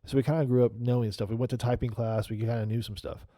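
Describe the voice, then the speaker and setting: Fast-talking nasal man, dark dry voice. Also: medium pitch, little pitch movement, no echo. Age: late 30s. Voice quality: nasal, slurred. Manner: laid-back, joking, repeats words. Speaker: podcast host. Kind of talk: casual podcast chat.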